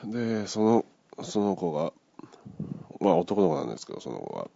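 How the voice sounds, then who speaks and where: A man's voice: fairly low pitch, wildly swooping pitch, a little fast, creaky, warm tone, husky, dry recording. A man casually retelling a dream he had, acting out the voices of the people in it. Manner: acts out the voices of people in the story. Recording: dull lo-fi dry recording.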